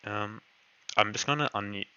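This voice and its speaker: A man with a lowish, pushed, bright voice and a clean tone speaks at a moderate pace, hosting a live online Q&A for a crypto project's community. He's losing his voice and sounds hesitant, leaning heavily on fillers and "kind of." The recording is muffled.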